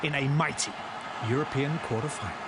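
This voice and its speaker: A man's voice: mid-range voice, a little fast, heavy background noise. A man narrating a sports feature as scripted voice-over, with a wry, playful delivery and dry asides. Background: music bed.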